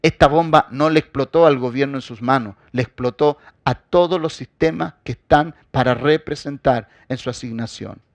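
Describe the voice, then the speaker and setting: A man preaching a sermon as pastor. He addresses the congregation directly and swings between loud, forceful emphasis and quiet asides. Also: mid-range voice, moderate pace, hardly any pauses, dry recording.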